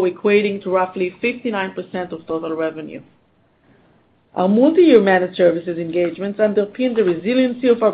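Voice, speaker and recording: An executive reads scripted quarterly results in a formal, stiff corporate delivery over a conference call line. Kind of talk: scripted earnings call presentation. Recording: narrow phone-line sound, faint rumbling noise.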